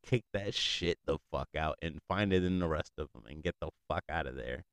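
A man's voice: very deep voice, normal speed, fairly bright tone, no echo, studio quality. A young man chatting casually with a friend, rambling, swearing freely and laughing often. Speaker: friend catching up. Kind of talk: casual chat.

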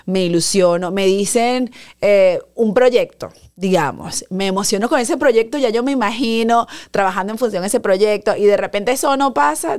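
A woman hosting a podcast, telling a personal story in a casual, animated way and acting out the quoted voices. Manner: animated, acts out quoted voices, dramatic pitch jumps. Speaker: podcast host.

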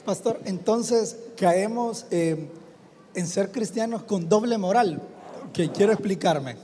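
Host, man, high voice, halting questions, live hall reverb with faint noise. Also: warm tone. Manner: hesitant, rambling questions. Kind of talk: live podcast interview. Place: live event before an audience.

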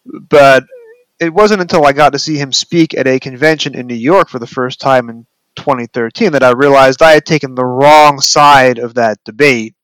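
American guy hosting a podcast, casual chat, smooth clear voice, dry sound. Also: medium pitch, normal speed, a bit bright, dry recording, low-quality recording. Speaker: podcast host.

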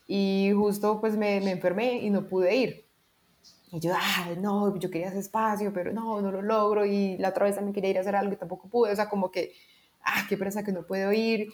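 A woman tells a story in a relaxed, chatty way. She slips into little voices for the people she quotes and fills her talk with casual fillers. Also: medium pitch, brisk. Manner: animated, acts out quoted dialogue, frequent fillers. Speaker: guest sharing a personal story.

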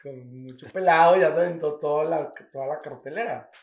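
A man's voice: a little high, a little fast, gravelly, reverberant, lo-fi sound. A young man with a Mexican accent, chatting casually and animatedly in heavy slang. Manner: slangy, animated, full of filler words. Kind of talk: casual chat.

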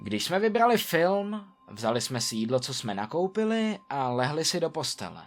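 Man narrating stories with lively intonation. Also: a little high, soft background music. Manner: lively, animated storytelling. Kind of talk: scripted narration of first-person stories.

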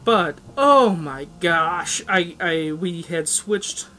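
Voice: medium pitch, expressive, drawn-out words, bright, forceful tone, soft background music, rough recording. A writer in a casual podcast chat who reads a story draft aloud and critiques it, laughing often and stopping to correct themselves. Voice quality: laughs often and self-interrupts while reading and critiquing. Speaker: writer giving editing feedback on a story.

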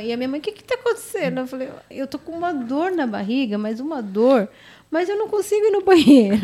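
A Brazilian woman telling a personal story in a relaxed, chatty way. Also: fairly high pitch. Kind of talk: casual chat.

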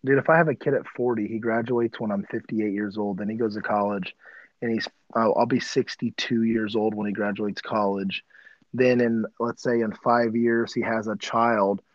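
A man's voice: fairly low pitch, fairly even intonation, normal speed, dry recording, muffled recording. A man in his mid-thirties co-hosting a podcast, laid-back and chatty, who keeps saying "dude" and gets worked up when teased. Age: 30s. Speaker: podcast co-host. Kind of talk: casual chat.

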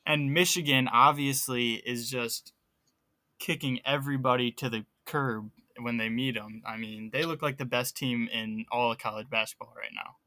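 A young man co-hosting a podcast, talking college basketball in a relaxed way with lots of ums. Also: medium pitch, normal speed, dry recording. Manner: relaxed, filler-heavy talk. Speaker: podcast co-host. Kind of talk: casual sports chat.

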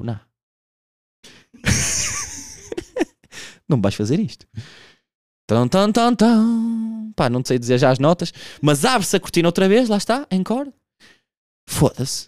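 A man's voice: a little high, darkish tone, no room sound, clean studio sound. A young man doing a casual, profane stand-up monologue, telling a story with vocal impressions. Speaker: stand-up comedian.

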